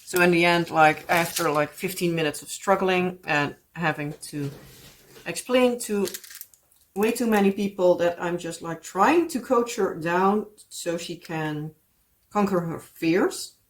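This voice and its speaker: There's a little hiss or hum behind this woman's lowish voice as she talks at a measured pace. A Dutch native speaker with a matching accent, she rambles casually as a craft vlogger, saying "like" and "yeah" a lot.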